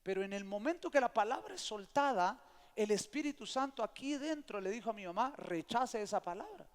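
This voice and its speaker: A man's voice: very high-pitched, brisk. A middle-aged man, preaching a sermon and asking the congregation for amens. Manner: lively storyteller, calls for amens. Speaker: pastor. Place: church sanctuary. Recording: long church hall reverb.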